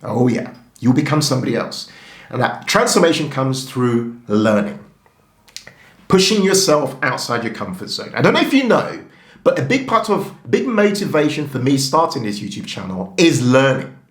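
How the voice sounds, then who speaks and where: Animated man coaching in an echoey room. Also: mid-range voice, normal speed. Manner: emphatic, animated, keeps checking in with "okay?". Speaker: personal finance YouTuber coaching viewers. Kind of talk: direct-to-camera coaching talk.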